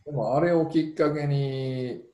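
A man's voice: medium pitch, unhurried, echoey room, soft background music. A man with a Kansai accent hosting a casual podcast chat, musing aloud with many fillers. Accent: Kansai Japanese. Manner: relaxed, musing, full of fillers.

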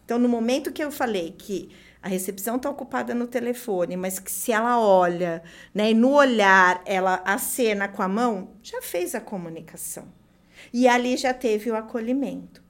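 A woman's voice: a little high, moderate pace. A woman with a Brazilian accent explaining as a guest trainer, emphatic and didactic, repeating key points. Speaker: guest hair-salon service trainer. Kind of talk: conversational explaining.

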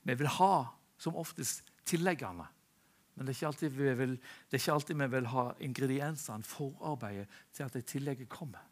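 A man preaching a sermon earnestly, asking rhetorical questions and often restarting his sentences. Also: mid-range voice.

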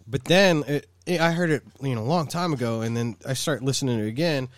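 A man's voice: medium pitch, fast talker, no echo. Man, podcast co-host, rambling, filler words, swearing, dry close sound. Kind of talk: casual chat.

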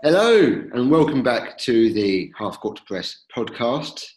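A man's voice: mid-range voice, very animated, slow, darkish tone, reverberant, low-quality recording. A man hosting a podcast interview, friendly and a little hesitant, with fillers and restarts.

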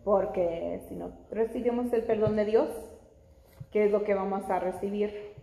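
A middle-aged woman preaches a sermon at an unhurried, deliberate pace. She keeps breaking her phrases with praise and climbs to fervent peaks. Her voice rings through a reverberant church hall. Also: mid-range voice, fairly even intonation, gravelly, mellow, a little hiss or hum. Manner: repeats "gloria al Señor" between phrases, rising to fervent emphasis. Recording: echoey hall, long reverb.

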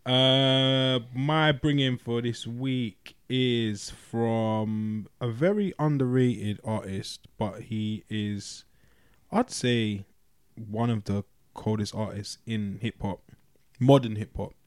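A man's voice: mid-range voice, slow, clean tone, no echo. A London-accented man casually chatting as a podcast host. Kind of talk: casual music recommendation chat.

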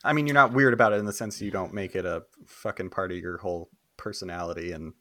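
Dry, bright-voiced man of thirty. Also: deep voice, fast talker, no echo. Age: 30s. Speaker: podcast co-host. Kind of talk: casual chat.

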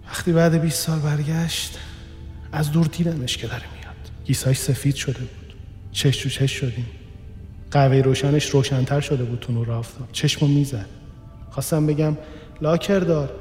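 A man narrating a first-person radio story in a quiet, reflective, measured way. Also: on the high side. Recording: reverberant room with soft background music.

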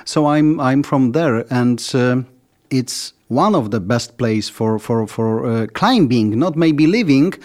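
A man's voice: mid-range voice, animated, slow, darkish tone. A man with a Polish accent hosting a casual interview chat in English as a second language. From Lower Silesia, Poland. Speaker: podcast host.

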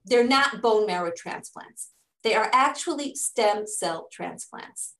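Her voice is medium-pitched and fairly bright, with lively intonation and a slow pace, heard in a roomy space. She is a middle-aged native English speaker living in Israel, a charity fundraising director explaining her charity's work in an interview. She answers earnestly and step by step, with frequent restarts.

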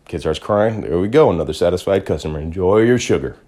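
A man hosting a podcast, talking in a rambling, joking casual monologue with big swings in pitch. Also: expressive, fast, warm tone. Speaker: podcast host.

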